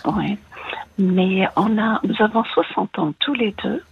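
Caller, woman in her 60s, slight American accent, hesitant, gravelly and a bit muffled. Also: medium pitch, unhurried. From France. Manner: hesitant, many fillers and soft laughs. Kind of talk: phone-in confession.

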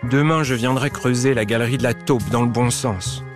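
A man voicing a gentle, dreamy male hippo who speaks sheepishly in a children's storybook. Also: mid-range voice, fairly even intonation, normal speed, music in the background, natural voice. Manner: sheepish, apologetic.

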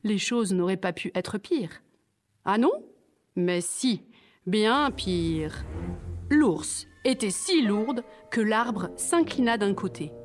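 A woman's voice: mid-range voice, expressive, slow pace, soft background music. A woman reading a children's story aloud with playful, wry asides.

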